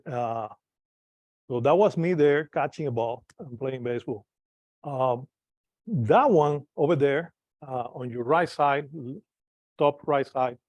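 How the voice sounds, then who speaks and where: Presenting informally before a live audience at a club, this man from Cuba hesitates often, restarting and filling pauses. His mid-range voice is a little mellow, captured in a dry recording.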